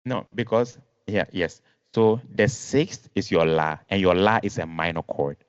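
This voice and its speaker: A man's voice: low voice, a little slow, clear, resonant tone, no echo. A man teaching a music lesson online, patient, repeating and rephrasing, counting notes aloud. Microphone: video call. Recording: dull lo-fi video call audio.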